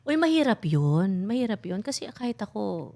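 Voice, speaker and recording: A woman's voice: medium pitch, sing-song, normal speed, warm tone. Candid, reflective woman mixing in English. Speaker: podcast guest. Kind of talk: emotional casual chat.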